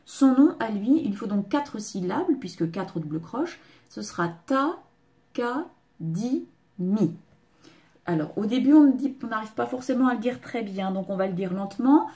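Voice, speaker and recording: A woman teaching a beginners' music rhythm lesson, explaining patiently and chanting rhythm syllables slowly and loudly. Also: on the high side, animated.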